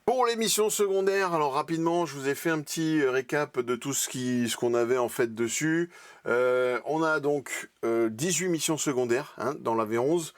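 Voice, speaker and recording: A man talking through a relaxed weekly roundup of hobby news, chatty and full of hesitations and restarts. His voice sits at an ordinary middle pitch. The sound is dry and close, with no room echo. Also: moderate pace. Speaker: channel host.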